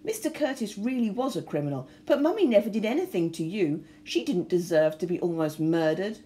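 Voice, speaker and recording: A woman voicing a bold, bossy upper-class schoolgirl who sounds sharp and exasperated in a high voice. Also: sing-song, fairly quick, close to an everyday voice. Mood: accusing.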